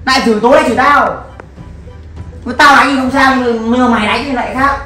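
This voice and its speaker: A man's voice: very high-pitched, fairly even intonation, quick pace, sharp tone, distant mic. A man playing an older brother figure who bluntly tells the group to hold back, swearing and pleading in a staged comedy sketch. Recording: echoey room with faint music.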